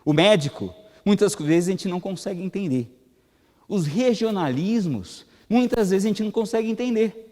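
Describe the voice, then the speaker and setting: A man's voice: high voice, expressive, moderate pace, dark tone. A Brazilian man with a Brazilian Portuguese accent giving a spoken lecture at a spiritist center, talking conversationally and putting rhetorical questions to the audience. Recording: reverberant hall.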